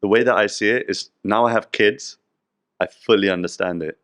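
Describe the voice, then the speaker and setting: Deep-ish guy on a podcast, earnest, explaining calmly, dry close mic. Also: moderate pace, dry recording. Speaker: podcast guest. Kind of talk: reflective spiritual storytelling.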